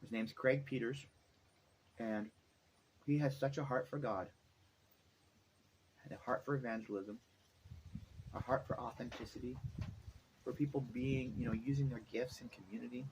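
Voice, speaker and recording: Middle-aged man chatting, low-key noisy recording. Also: steady tone, moderate pace, long pauses, a little mellow. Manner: rambling, thinking aloud. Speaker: vlogger, musician. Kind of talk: casual chatty vlog. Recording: noticeable background noise, ambience.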